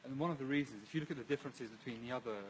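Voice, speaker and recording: A man's voice: medium pitch, racing, slight background noise, low-quality recording. A man born in London to a Syrian family, earnestly explaining old ruined buildings outdoors as he walks a livestream through them, often repeating words. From British Syrian, born in London. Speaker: local guide. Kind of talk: casual walking chat on a livestream.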